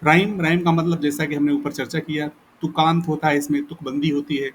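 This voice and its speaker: A man teaching a recorded lesson, explaining step by step and repeating points, reading definitions aloud slowly. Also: a little high, level tone, slight background noise. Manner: explains slowly in Hindi, reads English definitions aloud haltingly with pauses. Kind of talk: recorded lecture.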